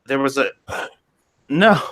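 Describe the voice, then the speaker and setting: A man's voice: mid-range voice, lively intonation, takes it slowly, a bit bright. A man on a live-stream panel, chatting casually and telling anecdotes.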